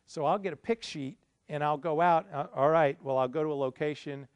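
A man's voice: on the high side, steady tone, fairly quick, smooth, no room sound, dull audio. A middle-aged man giving a conference presentation, explaining a slide in a conversational, self-deprecating way. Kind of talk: lecture with audience Q&A. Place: indoor conference room, presenting at a projector screen.

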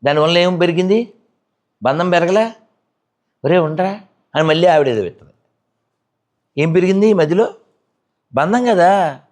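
A man's voice: sits high, lively intonation, normal speed, long pauses, a little mellow. A man giving a spiritual discourse, scolding his listeners with a stream of rhetorical questions. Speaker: spiritual speaker. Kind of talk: religious discourse.

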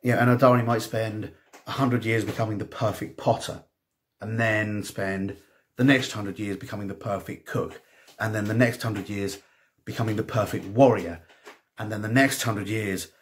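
Low-ish guy doing a casual review, lots of ums and restarts, reads bits out loud. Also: fairly even intonation, normal speed, slight background noise. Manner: rambling, full of ums and restarts; reads passages aloud. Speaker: tabletop hobby reviewer.

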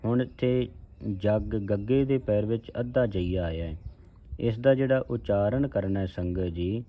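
Slow, dark-voiced Punjabi man teaching recitation. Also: lowish voice. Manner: recites verses slowly, then explains pauses and stress in quieter asides. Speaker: gurbani pronunciation teacher. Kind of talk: slow line-by-line recitation with pronunciation notes.

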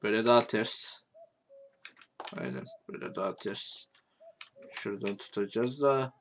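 A man with a Turkish accent giving casual game commentary, talking to himself and swinging from quiet muttering to angry shouting. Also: fairly low pitch, moderate pace, slight background noise. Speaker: gaming YouTuber.

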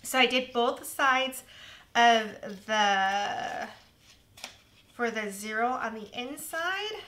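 Bright-voiced woman, chatty crafting host. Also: a little high, animated, slow. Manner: chatty, self-deprecating, laughs at her own mistakes. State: slightly hoarse, losing her voice. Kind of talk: casual crafting tutorial.

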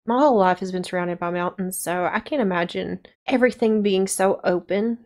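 A woman's voice: medium pitch, brisk, a little mellow. A young adult woman giving casual, blunt and sardonic film reaction commentary as a video host. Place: small dark decorated room indoors.

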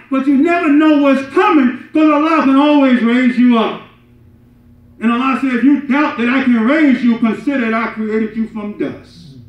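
Middle-aged man, Friday sermon, high voice, lively emphatic delivery, distant roomy dull recording. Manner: animated, swings from loud emphatic peaks to soft low asides; addresses congregation directly with rhetorical "right?". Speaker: imam giving Friday sermon. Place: carpeted mosque prayer hall, indoors, congregation seated on floor. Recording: roomy, distant and slightly dull camera audio.

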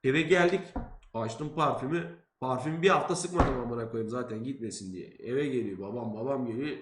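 A man's voice: medium pitch, moderate pace, roomy sound, heavy background noise. Swearing young man telling a story. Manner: animated, swears freely, acts out quoted lines. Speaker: guest storyteller. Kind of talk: casual comic storytelling.

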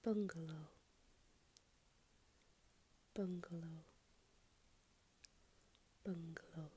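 A woman gives a whispered ASMR reading, soft and careful. Her delivery is very slow and even, with a mellow tone. The close recording carries some hiss and faint clicking. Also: low-pitched, slightly rough. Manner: whispered, soft-spoken, careful enunciation with repeated words. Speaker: ASMR host.

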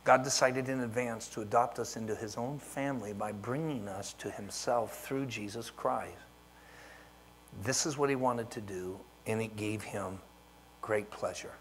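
A middle-aged man preaching a sermon as pastor, telling stories with animated acted-out dialogue. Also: mid-range voice, a little hiss or hum. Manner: animated storyteller who acts out dialogue.

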